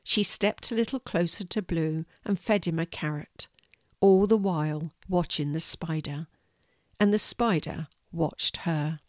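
An older woman, reading a children's story in a gentle, warm storytelling manner. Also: sits low, measured pace, dry recording, studio quality.

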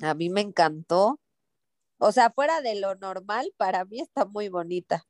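A woman's voice: mid-range voice, expressive, unhurried, a little mellow, dry recording. A woman, co-hosting a football talk show, recorded close and dry with no room sound. She keeps her replies short and agreeable and chips in with stats. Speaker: co-host. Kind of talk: casual sports chat.

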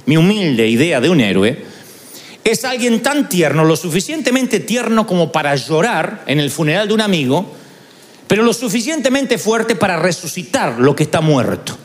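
A male preacher delivers a sermon, weaving in stories with humorous asides. His voice sits high and swings widely in pitch. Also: sing-song, normal speed.

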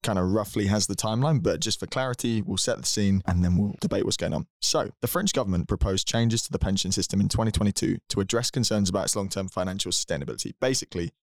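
A man's voice: lowish voice, fast, hardly any pauses, dry recording, clean studio sound. A young man co-hosting a podcast, explaining things in an orderly but informal way. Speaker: podcast co-host.

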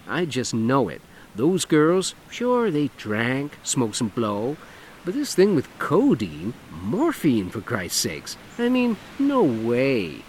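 A man's voice: medium pitch, slight background noise, pitched above the performer's own voice, poor audio. A man voicing a flamboyant, brash lawyer who talks in a camp, sassy, emphatic drawl. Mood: indignant.

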